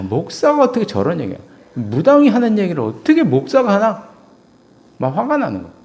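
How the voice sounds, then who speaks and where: A middle-aged man delivers a sermon in a church sanctuary, his slightly high voice carrying a gravelly edge. He tells stories and acts out what people said, swinging between loud exclamations and quiet asides, with a very lively melody throughout. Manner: storytelling, acts out quoted dialogue. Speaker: pastor.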